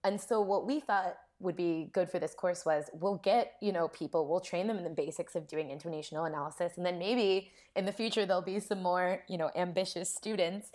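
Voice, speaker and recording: A woman's voice: lowish voice, fairly even intonation, fairly quick, hardly any pauses, darkish tone. A woman researcher being interviewed, explaining her field informally in a conversational, checking way. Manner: informal, frequent "like" and checking "right?". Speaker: academic researcher, interview guest. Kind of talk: casual academic discussion.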